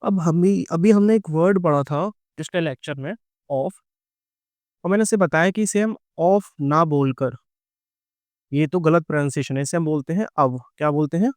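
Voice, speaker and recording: A middle-aged man with an Indian English accent, teaching English grammar to exam students. His voice is smooth and resonant, a little higher than most men's, and recorded close and dry. He explains patiently and asks the class questions that he answers himself. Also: moderate pace, a little mellow, no room sound. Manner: explains patiently, checks in with "है ना" and "ठीक है" and calls students "बेटा". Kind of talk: exam-prep grammar lecture.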